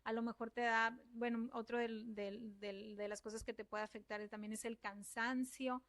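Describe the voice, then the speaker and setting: Mexican woman nutritionist, higher voice. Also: flat delivery, normal speed, fairly bright tone, no echo. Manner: patient, explains step by step, agrees readily. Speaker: nutritionist guest. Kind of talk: explanatory interview talk.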